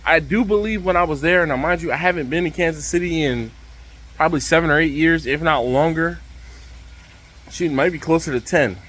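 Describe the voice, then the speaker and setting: A man hosting a casual vlog to camera, speaking outdoors over the rushing water of a waterfall by a pool. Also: a little high, a bit bright. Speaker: vlog host.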